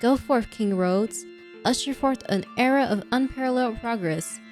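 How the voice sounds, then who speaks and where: A woman voicing a pompous, ceremonial game announcer proclaiming decrees in a raised, louder voice. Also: a little high, moderate pace, soft background music, voice pushed up, lightly acted. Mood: grandiose.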